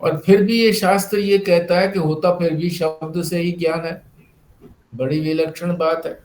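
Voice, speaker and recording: A man's voice: fairly high pitch, flat delivery, darkish tone, reverberant. A man teaching a spiritual discourse, explaining step by step with rhetorical questions. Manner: explanatory, rhetorical questions, slow deliberate phrasing.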